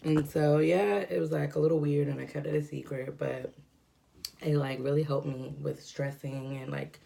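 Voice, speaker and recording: A woman's voice: low voice, moderate pace, vocal fry. A young adult woman talking casually while eating a mukbang meal at home, rambling with lots of fillers and breathing heavily from a cold. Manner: rambling, filler-heavy, relaxed. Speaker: mukbang vlogger. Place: at home indoors.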